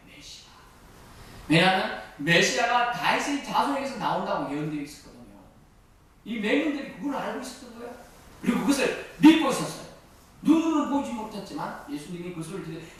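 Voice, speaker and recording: A middle-aged male pastor preaches in a church sanctuary, his high-pitched, fairly bright voice fast and sing-song. He often poses questions to the congregation and answers them himself. The sound is echoey, picked up by a distant mic with faint noise.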